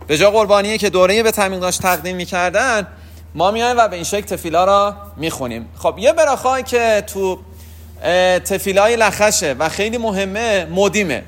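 A man giving a spoken religious lesson, explaining the rules of prayer and pausing often to ask and answer his own questions. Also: high voice, a bit bright, a little hiss or hum. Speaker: religious teacher.

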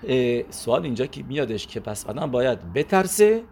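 A man's voice: mid-range voice, very animated, creaky, a little mellow, slight background noise. A man teaching a religious class, telling an anecdote in a conversational way with fillers and restarts, acting out the quoted lines.

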